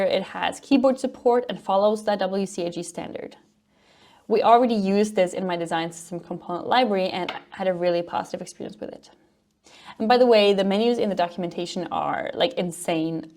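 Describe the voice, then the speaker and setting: At a conference, a Norwegian front-end developer and educator explains technical topics in a cheerful, casual manner. Her voice is medium-pitched and a little mellow.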